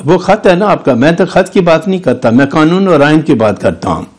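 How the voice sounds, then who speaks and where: A man's voice: fairly high pitch, animated, brisk, a little mellow. An older man with a Pakistani Urdu accent, a lawyer guest arguing legal points in a studio news interview. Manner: argumentative, legalistic, with restarts.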